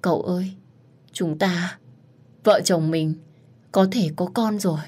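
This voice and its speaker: A woman's voice: lowish voice, unhurried, darkish tone. A woman voicing a sweet young wife, emotional and affectionate toward her husband.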